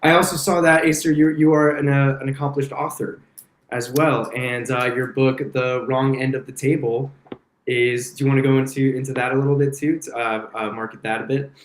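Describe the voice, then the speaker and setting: A man's voice: medium pitch, little pitch movement, fairly quick, a little hiss or hum. A male festival interviewer speaks in a mid-range voice, and his voice rings in a roomy, echoey space. He is friendly and agreeable, and he prompts his guests to say more. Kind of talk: casual interview. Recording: echoey room.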